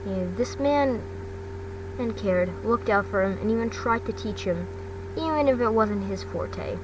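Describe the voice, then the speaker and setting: A woman with a mid-range, lively voice reads fan fiction aloud a little slowly, in an amateur storybook style, often stumbling and repeating words. She's a fan fiction podcast reader, captured on a noisy home recording with a distant mic.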